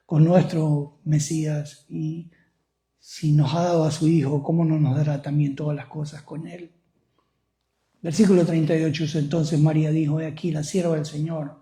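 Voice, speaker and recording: High-voiced preaching pastor, roomy echo. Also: male voice, mellow. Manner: preaching with rhetorical questions to the congregation. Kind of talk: sermon.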